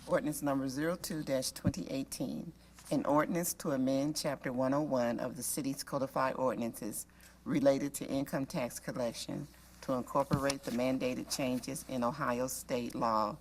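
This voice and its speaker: A woman's voice: extremely low pitch, fairly even intonation, moderate pace, rough recording. A woman working as a council clerk, formally calling the roll and reading titles aloud. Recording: faint background room noise.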